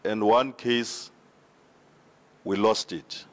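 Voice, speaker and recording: A man with a South African accent answering formally at a town hall debate, speaking into a handheld mic in a large hall, with measured hesitations. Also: on the low side, steady tone. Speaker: regional party official on a panel. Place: large indoor hall with seated audience. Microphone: handheld microphone.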